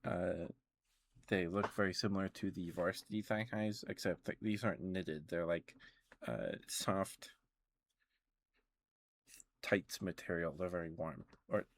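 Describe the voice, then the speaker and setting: A young man doing soft-spoken, casual ASMR rambles in a giggly, halting way, close to the microphone. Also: deep voice, steady tone. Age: young adult. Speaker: ASMR streamer.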